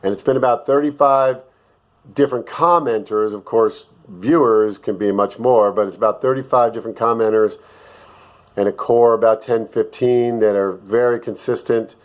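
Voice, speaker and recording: A man's voice: medium pitch, fairly even intonation, normal speed, highs cut off. A man with a cold, hosting his own vlog in a rambling, jokey casual chat. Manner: rambling and jokey, with many fillers. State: sick, voice lower than usual. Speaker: vlog host.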